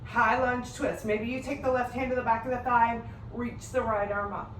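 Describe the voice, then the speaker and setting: A woman's voice: fairly high pitch, moderate pace, echoey room, a little hiss or hum. A woman yoga instructor calling out poses in a yoga flow class, slightly out of breath as she moves through it. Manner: calm, directive cues, sometimes winded while moving.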